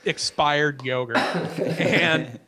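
A young podcast co-host tells stories in a casual chat, swearing freely, laughing often, and tripping over his words with many fillers and restarts. His voice is on the high side and extremely slow, with a crowd in the background.

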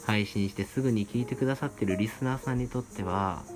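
A man's voice: fairly low pitch, fast talker. A man co-hosting a casual late-night podcast chat, playful and teasing. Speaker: radio show co-host, theater actor. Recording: music playing behind the talk.

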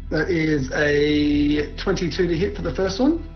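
A man talking casually as a tabletop game player, a little halting as he works out his moves. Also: on the high side. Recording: dull lo-fi audio. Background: music.

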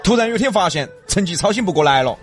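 A man's voice: high voice, expressive, racing, background noise. A man in his thirties or forties with a Sichuan accent, joking and chatting colloquially in Sichuan dialect as a radio host. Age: 30s to 40s. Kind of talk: casual bantering radio chat in Sichuan dialect. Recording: music clearly behind the voice. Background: background music.

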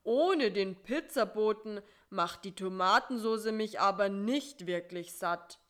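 A woman voicing a greedy, sulky male spider in a read-aloud children's story, speaking in a whiny, grumbling, drawn-out way. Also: mid-range voice, natural voice. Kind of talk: storybook reading.

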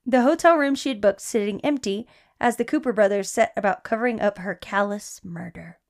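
A young podcast co-host with a mid-range voice reads an article aloud a little fast on a casual show. She frequently laughs, drops swear words, and trips over the text as she goes.

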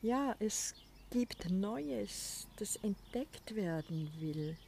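Speaking at a medium pitch with animated expression, a podcast host records her spiritual show outside on a balcony. Her delivery is soft and frequently breathy, very slow, with pauses left to sit. Behind her you can hear birds, a crow, and a light hiss of outdoor noise.

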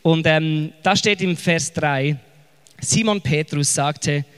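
Swiss German preacher, slightly high voice. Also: male voice, takes it slowly, clear, resonant tone, big-room sound. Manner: searching for words, frequent fillers and restarts; retells scripture in casual, lively paraphrase. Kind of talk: sermon.

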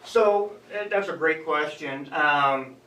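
A young adult man, a running coach and guest, answering interview questions in an earnest, halting way, speaking in short stretches. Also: on the high side, sharp tone, distant mic. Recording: echoey room, voice a bit off-mic, faint background hum.

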